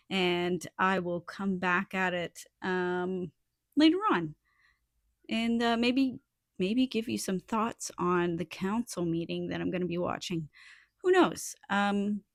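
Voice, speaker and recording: A woman vlogger chatting casually to her viewers in an informal, halting way, thinking aloud as she goes. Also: mid-range voice, dry recording, clean studio sound. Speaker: vlogger and small soap business owner. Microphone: small add-on phone microphone.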